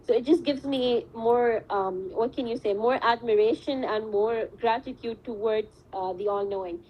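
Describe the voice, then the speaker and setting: A woman's voice: a little high, moderate pace, highs cut off, a little hiss or hum. A woman in her twenties from Saudi Arabia, a medical student giving earnest, reflective interview answers at length.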